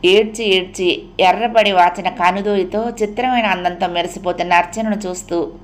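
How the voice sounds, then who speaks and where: Female storyteller reading a novel aloud; steady, expressive delivery. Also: medium pitch, normal speed. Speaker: narrator.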